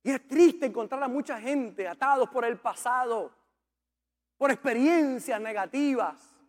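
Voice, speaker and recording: A man's voice: very high-pitched, a little slow. A man preaching a sermon as a pastor, impassioned and repetitive as he urges the congregation on. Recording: long reverb of a large hall.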